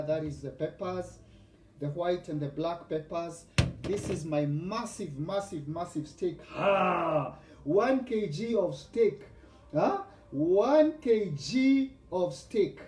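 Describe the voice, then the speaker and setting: A man's voice: on the high side, darkish tone, reverberant, a little hiss or hum. A man in his forties with a Kenyan accent, hosting a casual live cooking vlog in a chatty, boastful way and greeting viewers by name. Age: 40s. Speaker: host.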